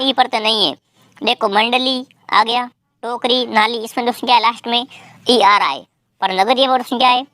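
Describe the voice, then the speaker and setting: Woman teacher running an exam quiz, higher voice, keeps telling folks to comment fast, dry close sound. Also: a bit bright, no echo. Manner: brisk, keeps prompting viewers to comment; calls viewers friends, repeats questions and answer options. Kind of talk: online quiz lesson.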